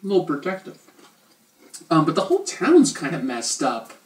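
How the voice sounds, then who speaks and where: A man's voice: on the high side, wildly swooping pitch, moderate pace. A man co-hosting a casual show, joking around playfully. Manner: jokey, playful. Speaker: co-host. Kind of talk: casual chat reviewing a TV show. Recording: roomy, distant mic.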